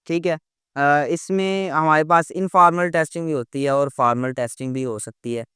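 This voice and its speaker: Man lecturing, crisp dry voice. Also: on the high side, normal speed, pushed and bright, no room sound. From Pakistan. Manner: frequent "uh" fillers and restarts, mixing in English terms. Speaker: teacher.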